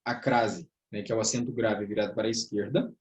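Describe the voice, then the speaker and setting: A man's voice: lowish voice, fairly even intonation, a little fast, dull audio. A man teaching a classroom grammar lesson in a southern Brazilian accent. He explains step by step, often ends phrases with a checking "tá?" or "né?", and addresses his listeners as brothers. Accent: southern Brazilian Portuguese. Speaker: teacher of a church workers' course. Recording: echoey room.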